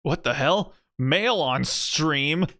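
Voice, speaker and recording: A man's voice: fairly high pitch, expressive, sharp tone. A young man streaming a game, reacting casually with crude jokes and reading bits of narration aloud. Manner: joking, crude, drawn-out asides.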